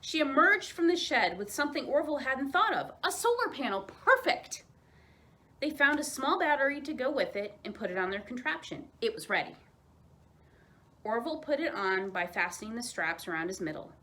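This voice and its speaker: Her high-pitched voice carries children's stories in the library, where she works as a storyteller. The telling is expressive, full of dramatic stress and pauses.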